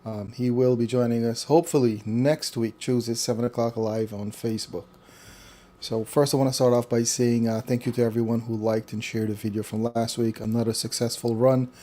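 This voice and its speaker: A man hosting a casual live online talk show over a video call, chatty and relaxed, with frequent fillers. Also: mid-range voice, a little fast. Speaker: host.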